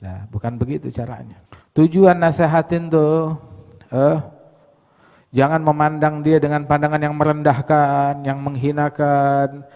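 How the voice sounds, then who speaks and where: A male preacher giving a lively sermon, acting out mocking voices and sometimes shouting. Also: on the high side, a little slow, big-room sound. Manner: animated, acts out mocking voices, shouts at times.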